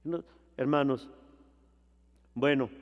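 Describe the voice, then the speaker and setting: A man preaching a sermon, addressing the congregation as brothers, with rhetorical questions and drawn-out phrases that swell louder at the peaks. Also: mid-range voice, in a large hall, dull audio. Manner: preaching with repeated calls of "hermano" and rhetorical questions.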